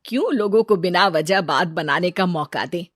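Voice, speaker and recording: Woman doing a gentle, kindly mother-in-law. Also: fairly low pitch, moderate pace, no room sound, studio quality. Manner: calm, kindly, reassuring. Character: gentle, patient middle-aged mother-in-law. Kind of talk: cartoon story voice acting.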